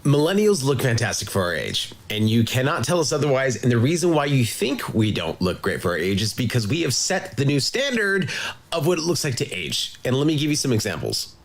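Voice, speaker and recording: A man's voice: medium pitch, big pitch swings, a little fast. A man in his thirties delivering an emphatic, punchy rant in a social media clip. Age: 30s. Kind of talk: direct-to-camera rant.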